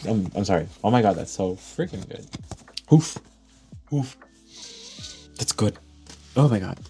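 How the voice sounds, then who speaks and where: A man excitedly reviewing and unboxing fragrances, gushing and thinking aloud as he goes. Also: lowish voice, a little slow, soft background music.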